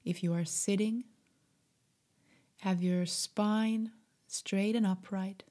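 A woman guiding a meditation in a soft, breathy, half-whispered voice, gentle, soothing and unhurried. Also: medium pitch, fairly even intonation. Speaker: meditation guide. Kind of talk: slow guided meditation.

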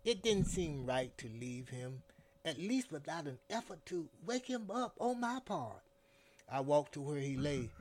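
A man narrating a first-person story in a slow, deliberate storytelling manner. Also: medium pitch, a little mellow.

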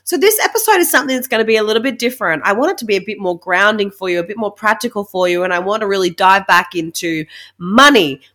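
A female podcast host with a stuffed-up, nasal voice and a medium pitch. She talks informally and emphatically, like a coach explaining ideas to her listeners, often checking in as she goes. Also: quick pace, a bit bright. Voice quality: nasal, blocked-nose voice. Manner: chatty, informal, emphatic with check-in tags like "right?". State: congested with a blocked nose. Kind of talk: casual solo podcast talk.

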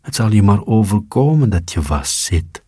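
A pair of small, frightened storybook mice, put on by a man in a high, squeaky voice. They beg and plead. The sound is dry and close, with a husky grain. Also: very animated, normal speed, mellow, no room sound. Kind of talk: storybook reading.

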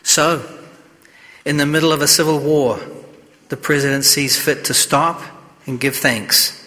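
A man with a bright, forceful voice reads scripture and preaches in a measured, solemn way. Each phrase trails off into the long cathedral echo of a large church. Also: fairly high pitch, steady tone. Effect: cathedral echo, long church reverb. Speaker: clergyman. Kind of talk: Gospel reading and homily at Mass.

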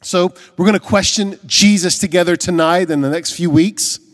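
A man's voice: high voice, normal speed, in a large hall. A man preaching a sermon as a pastor, earnest and emphatic, with rhetorical questions.

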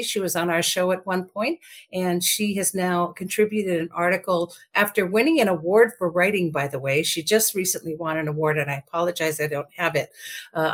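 A woman co-hosting a podcast in casual chat, chatty and upbeat, with her morning voice lower than usual. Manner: chatty and upbeat, lots of fillers. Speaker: podcast co-host.

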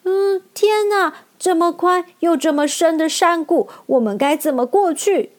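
A woman's voice: high voice, normal speed, darkish tone, voice pushed up. A woman voicing an earnest young girl heroine who cries out anxiously and breathlessly in a storybook reading.

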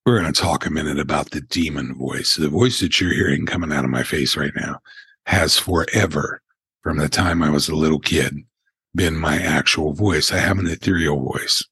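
An older man hosts a paranormal countdown podcast in a voice that is very deep and rough with fry. His tone is husky, and he tells his stories at an unhurried pace, with asides. The sound is dry and close to the mic. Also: fairly bright tone, no echo. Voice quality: very deep gravelly voice. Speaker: podcast host.

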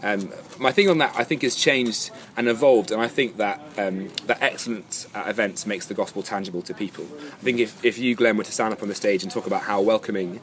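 A man's voice: lowish voice, fairly quick, few pauses, a crowd in the background. A man giving thoughtful interview answers in a conversational way, feeling out his phrasing as he goes. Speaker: interviewee, event organiser.

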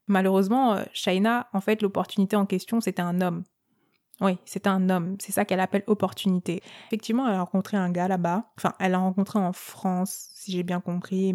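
Mellow-voiced young woman podcast host. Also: mid-range voice. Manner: lively, chatty, with slang and fillers. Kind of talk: storytelling podcast.

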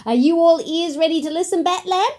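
A woman's voice: very high-pitched, a little fast, a little mellow. A woman hosting interactive storytelling for young children, theatrical, with gasps and coaxing questions. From New Zealand.

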